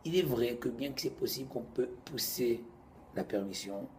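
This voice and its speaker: A man, teaching an informal Torah class to students in an animated, joking way, moving between loud bursts and quiet asides. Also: mid-range voice, moderate pace, slight background noise.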